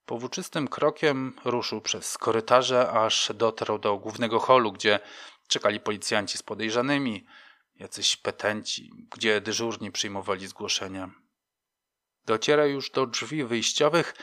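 Bright-voiced male audiobook narrator. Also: fairly low pitch. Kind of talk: scripted fiction narration.

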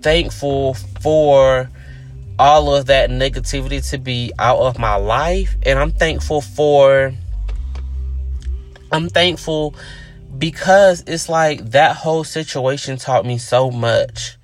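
A man's voice: mid-range voice, slow, faint music behind. A man hosting his own podcast, talking earnestly and reflectively in a casual, conversational way. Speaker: podcast host. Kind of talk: reflective solo podcast monologue.

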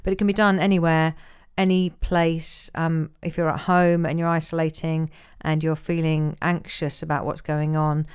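A woman's voice: deep voice, level tone, moderate pace, clear, resonant tone. A woman coach and podcast host giving an informal spoken introduction to listeners.

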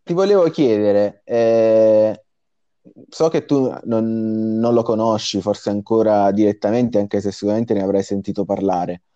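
Low, mellow man hosting sports chat. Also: unhurried, dry recording, dull audio. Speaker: host of a fantasy football discussion. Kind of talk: casual sports commentary chat.

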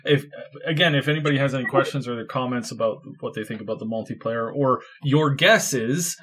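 Man, podcast co-host, casual chat, middle pitch, playful, rambling. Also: a little fast, fairly bright tone. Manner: playful, rambling, many fillers.

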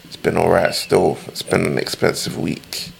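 A young man speaks in a deep, heavily creaky voice with a London roadman accent. He chats casually and in slang, like a podcast co-host. There is faint noise behind him. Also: moderate pace, rough recording. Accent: London, urban street (roadman).

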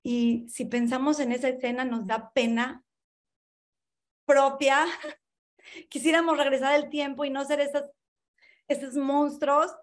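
A woman gives a spiritual talk to women, telling anecdotes in an animated way and calling her listeners dear friends. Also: high voice, measured pace, pauses often. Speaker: speaker giving a talk to women.

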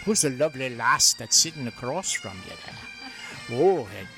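A man's voice: medium pitch, very animated, normal speed, music in the background, voice pushed down. A man voicing a boisterous old Irish bagpiper who calls everyone lad and lass. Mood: flirty, joking. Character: jolly old Irish bagpiper man leading a marching band. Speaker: comic character on a radio show.

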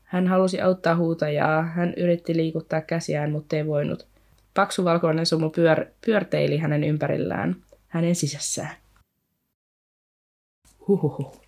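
A woman's voice: deep voice, steady tone, creaky, a little mellow. A woman speaking, a podcast co-host casually retelling a story with many fillers and sometimes reading aloud from the book. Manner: rambling retelling with frequent fillers. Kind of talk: casual book discussion with read-aloud passages.

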